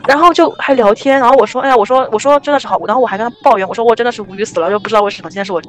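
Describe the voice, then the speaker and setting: A young woman casually telling a ghost story on a podcast, rambling and animated with many restarts. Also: a little high, racing.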